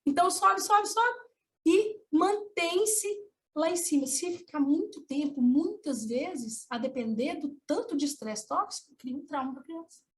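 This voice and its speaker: A woman with a Brazilian Portuguese accent giving an online lecture, explaining in an animated way with rising emphasis. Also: sits high, unhurried, slight background noise.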